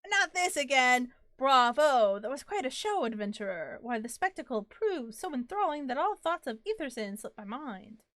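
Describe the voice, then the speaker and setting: A woman's voice: sits high, very animated, moderate pace, few pauses, fairly bright tone, dry recording. A woman reading aloud the lines of a mysterious disembodied voice from a game, in ornate, old-fashioned, theatrical phrasing. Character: grandiose mysterious disembodied voice, courtly.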